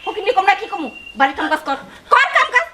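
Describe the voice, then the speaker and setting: A shrill, domineering mother-in-law barks orders and taunts in a very high, lively voice. She is middle-aged and bossy, and a clear noisy hiss runs behind her in this village drama. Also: quick pace. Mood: scolding. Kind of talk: village family drama acting. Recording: noisy background.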